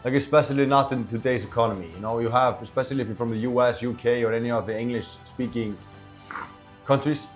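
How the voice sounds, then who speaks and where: A young man from Iceland talks loosely to the camera, his voice sitting in an ordinary middle pitch. He restarts sentences and stacks up fillers as he works through his advice, and faint music plays softly behind him. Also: fairly even intonation, fast talker. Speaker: entrepreneur sharing business advice. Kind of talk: casual talking-to-camera advice.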